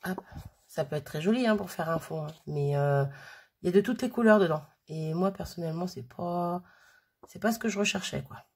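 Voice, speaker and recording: A woman's voice: lowish voice, fairly quick, a little mellow, husky. A woman chatting casually through a hands-on craft demo, full of fillers and little "hop" sounds as she works. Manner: chatty, filler-heavy, frequent "hop" while working. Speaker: crafting vlogger.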